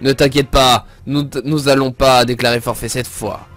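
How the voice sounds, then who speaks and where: A man's voice: mid-range voice, flat delivery, moderate pace, a bit bright, dry recording, soft background music, natural voice. A man voicing a proud young rival captain who speaks in a haughty, confident way while reading a game's story scenes.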